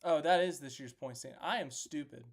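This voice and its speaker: A man hosting a casual racing recap live stream, chatty and self-deprecating, reacting out loud as he works through standings on screen. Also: fairly high pitch, a little fast. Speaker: host of a racing recap livestream.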